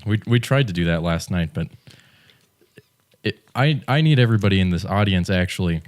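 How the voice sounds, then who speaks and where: A young man co-hosts a relaxed podcast. He speaks in a low voice and teases in a deadpan way, with dry jokes. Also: a little fast. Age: young adult. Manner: deadpan teasing. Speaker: podcast co-host. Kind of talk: casual podcast banter.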